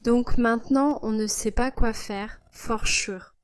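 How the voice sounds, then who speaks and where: A woman's voice: a little high, steady tone, slow, clean tone, no echo. A woman from Morocco, a chess champion, commentating on her game in a playful, joking way.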